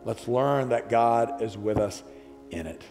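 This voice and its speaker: A man's voice: mid-range voice, a little slow, creaky, a little mellow, soft background music. A male pastor delivering a sermon, building to emphatic repeated calls to the congregation. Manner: preaching with rising emphatic repetitions. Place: church sanctuary. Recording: long church hall reverb.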